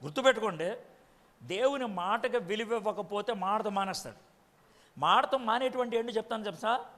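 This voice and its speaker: A man's voice: sits high, a little fast, sharp tone, in a large hall. A man preaching a sermon, quizzing his congregation with frequent direct questions.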